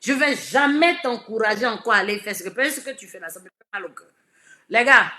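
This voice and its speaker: Ivorian woman talking to camera, kinda high and really bright, goes loud then soft, says stuff twice. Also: expressive, a little fast. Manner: swings from shouting to low, soft advice; repeats words for emphasis. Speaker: political social media commentator. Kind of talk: direct-to-camera message.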